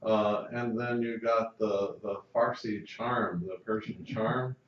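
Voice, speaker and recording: A man's voice: fairly low pitch, steady tone, slow pace. A man interviewing a guest, hesitant, repeating words and using many fillers. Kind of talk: interview questions. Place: university building. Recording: distant, echoey and muffled.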